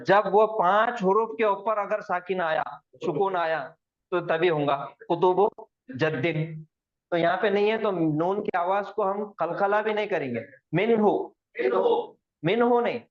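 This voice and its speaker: High-voiced man teaching recitation online. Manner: slow, repeats words for students to echo and quizzes them. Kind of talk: online Quranic Arabic recitation lesson. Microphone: video call. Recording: dull lo-fi online class audio.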